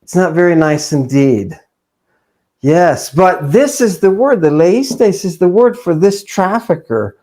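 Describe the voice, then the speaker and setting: A man lectures in a loose, conversational way, working line by line through a text on screen. He talks at an unhurried pace, often circles back to repeat himself, and keeps asking "right?" of his listeners. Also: high voice, lively intonation, warm tone. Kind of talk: informal lecture reading from a text.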